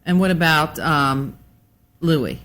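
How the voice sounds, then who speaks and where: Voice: mid-range voice, slow, a bit bright. Encouraging radio host asking questions. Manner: encouraging, asks follow-up questions. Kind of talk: casual radio interview.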